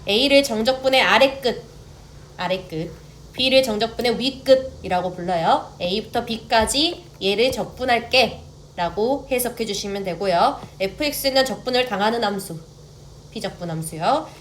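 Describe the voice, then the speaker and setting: A woman's voice: fairly high pitch, expressive, unhurried, a little hiss or hum. A young woman teaching a math lecture, stepping through formulas and often checking that students follow along. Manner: checks in with students, mixes polite and casual speech.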